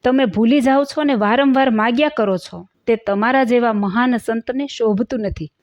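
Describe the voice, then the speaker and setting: A woman's voice: fairly high pitch, normal speed, darkish tone, no echo, highs cut off, natural voice. A woman voicing a scheming older woman devotee who suffers in hell, speaking in a pleading, then indignant, manner. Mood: defiant.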